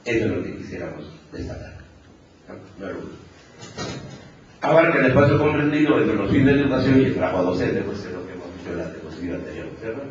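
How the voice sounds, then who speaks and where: In a large lecture hall, a man speaking Spanish with a Peruvian accent gives a university conference talk, fast and expressive in a lowish voice. He walks through each step and keeps checking in with the audience. The echoey, far-off recording is dull and lo-fi, with slight background noise.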